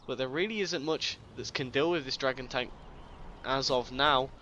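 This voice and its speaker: A game caster gives casual, chatty real-time strategy commentary, joking at his own expense and frequently stumbling over his words. His mid-range voice is pushed and bright at a normal speed, heard through a muffled recording with a little hiss or hum.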